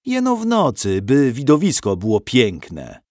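A man's voice: medium pitch, huge pitch swings, a little slow, darkish tone, dry recording, studio quality. A man voicing a scornful outlawed nobleman, a gloating villain who makes mocking threats.

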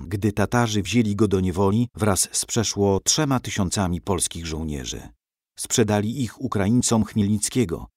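Guy reading a storybook, low voice, really animated, dry close sound. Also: no echo. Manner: dramatic, expressive reading. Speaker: narrator. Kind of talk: scripted storybook narration.

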